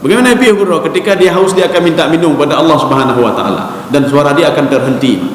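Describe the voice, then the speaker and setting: A man gives a mosque sermon in a lively, questioning way. He now and then breaks into chanted Arabic recitation. His voice sits a little high and rings out with a long, roomy echo. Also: quick pace. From Indonesia. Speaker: preacher. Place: mosque hall. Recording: echoey mosque hall.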